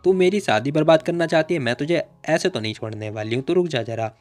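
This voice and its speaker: A man's voice: on the high side, expressive, fast talker, a little mellow, faint music behind, lightly acted. A defiant young heroine, taunting, as a man reads her. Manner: taunting, threatening.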